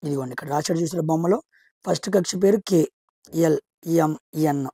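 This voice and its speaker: A woman teaching chemistry. She asks her own questions, answers them herself, counts aloud and slowly repeats key terms. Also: low voice, vocal fry, warm tone, husky, no room sound, clean studio sound. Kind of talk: explaining chemistry, drawing on a board.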